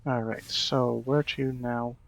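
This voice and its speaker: A man's voice: mid-range voice, flat delivery, slow, vocal fry. A man streaming a game, rambling and correcting himself as he thinks aloud. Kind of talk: casual gameplay commentary.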